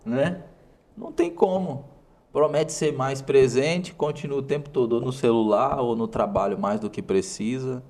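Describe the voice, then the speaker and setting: A man's voice: medium pitch, moderate pace, a little mellow. A man with a Brazilian Portuguese accent hosting a motivational talk, speaking straight to the viewer in punchy, repeated short phrases. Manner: emphatic, speaks directly to the viewer. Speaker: host.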